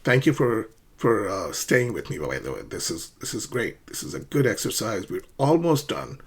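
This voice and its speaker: Teaching an ESL lesson, a man with a fairly low, very animated, slightly rough voice with vocal fry speaks at a moderate pace. He's patient and encouraging, often checking in with "right?" and acting out sample questions with rising intonation.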